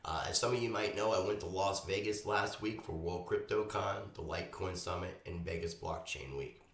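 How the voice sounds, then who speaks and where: A hoarse man hosting a show, reading his intro carefully and earnestly from prepared notes while recovering from a lost voice. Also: sits low, moderate pace, fairly bright tone. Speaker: host. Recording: echoey room, voice far from the mic.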